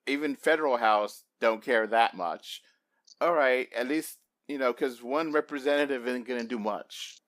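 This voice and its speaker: A man's voice: medium pitch, moderate pace, fairly bright tone. A man co-hosting a movie review podcast, talking casually with exasperated asides. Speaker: podcast co-host.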